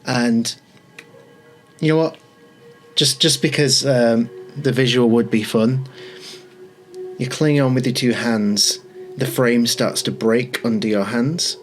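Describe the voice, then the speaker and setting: A man narrating a tabletop game as game master in a measured, descriptive way. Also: mid-range voice, faint music behind.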